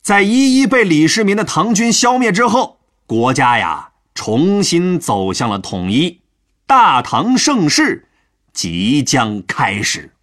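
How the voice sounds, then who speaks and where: A man's voice: on the high side, sing-song, slow pace, fairly bright tone. A man telling a history lesson as a chatty, playful story. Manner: chatty, playful, with sentence-final particles.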